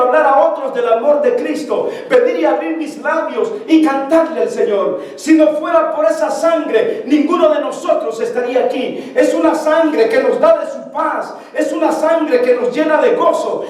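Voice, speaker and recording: A man's voice: very high voice, darkish tone. A male pastor preaching a sermon to his congregation with fervor, repeating phrases for emphasis. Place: church sanctuary. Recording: very echoey church, mic far off.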